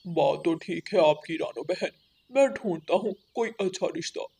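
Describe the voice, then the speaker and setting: A woman's voice: on the low side, animated, moderate pace, creaky, dark tone, slightly rough, heavily acted. A woman voicing a male crow in a cartoon, a worried brother and husband, earnest and a bit helpless.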